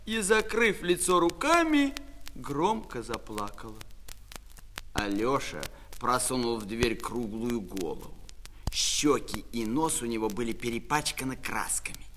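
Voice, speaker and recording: Man, children's story reading, high animated voice, long echo. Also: unhurried, a little hiss or hum. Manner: expressive storytelling. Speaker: narrator.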